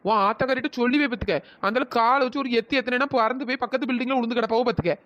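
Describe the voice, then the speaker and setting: A woman's voice: fairly high pitch, fairly even intonation, racing, dull audio, over music, close to an everyday voice. A woman voicing a bossy, mocking young wife in a cartoon. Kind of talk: cartoon voice acting.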